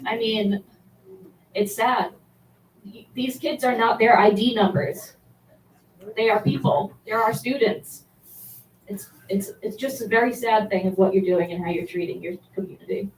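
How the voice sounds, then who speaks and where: Impassioned teacher, roomy meeting hall. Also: female voice, mid-range voice, fairly even intonation, far from the mic, a little hiss or hum. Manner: impassioned, halting, with frequent restarts. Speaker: elementary school teacher giving public comment. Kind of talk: public comment at a board meeting. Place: public meeting room. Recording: roomy hall, speaker away from mic.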